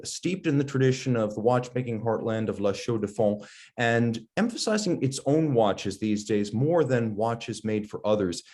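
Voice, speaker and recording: A male podcast host with a medium-pitched voice, reading smooth prepared introductions and questions. He moves steadily through his lines at a measured pace. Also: darkish tone.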